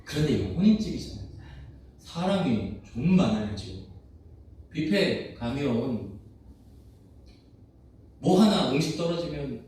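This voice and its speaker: A man preaching a Sunday sermon as pastor, talking to the congregation with lively questions and acted-out bits of everyday speech. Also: on the high side, a little slow, long pauses. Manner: animated, questions the congregation, acts out quoted voices. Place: church sanctuary. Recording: echoey church sanctuary, mic at a distance.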